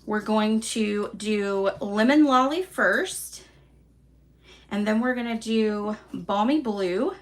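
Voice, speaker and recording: A woman with a Southern accent hosting a live card-making class, chatty and relaxed, poking fun at herself. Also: mid-range voice, slow pace. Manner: chatty, relaxed, self-deprecating. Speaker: craft class host.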